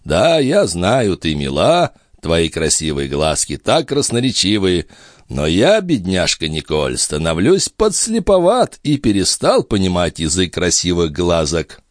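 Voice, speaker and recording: A man's voice: low voice, huge pitch swings, unhurried, no echo, clean studio sound, exaggerated voice. A man doing a wry old duke. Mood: ironic. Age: older. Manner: ironic, condescending. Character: old sardonic male duke, worldly and teasing.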